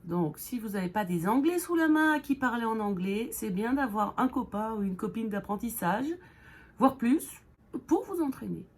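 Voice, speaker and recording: A woman's voice: on the high side, animated, normal speed, husky. A woman giving a humorous beginner English lesson in French, playful and jokey, with whispered asides. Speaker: English teacher.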